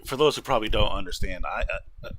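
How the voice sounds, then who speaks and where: A man's voice: lowish voice, fast talker, a bit bright, a little hiss or hum. A man who grew up in New York state, streaming a game and chatting casually in a rambling way, with lots of fillers. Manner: rambling, filler-heavy, chuckles often. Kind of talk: casual chat while gaming.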